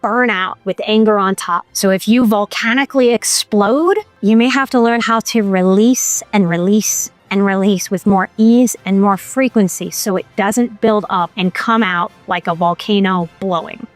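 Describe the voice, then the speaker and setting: A woman's voice: medium pitch, moderate pace, hardly any pauses, dry recording, faint music behind. A woman hosting a podcast as an emotional coach, talking in a playful, earnest and folksy way. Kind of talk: conversational podcast monologue.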